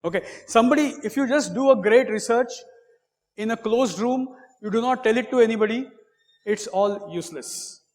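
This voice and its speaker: A man with an Indian English accent giving an academic lecture as a professor, measured and repetitive, with many fillers and frequent "okay". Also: very high-pitched, a little mellow, long reverb tail.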